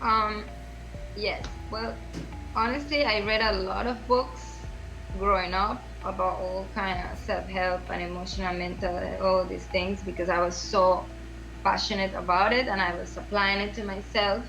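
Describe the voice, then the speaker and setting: A Venezuelan woman with a Venezuelan Spanish accent speaks as a podcast guest in a conversational interview, her medium-pitched voice fairly even at a moderate pace. She is earnest, repeating and restarting phrases as she searches for words. Music plays in the background, and the audio is poor.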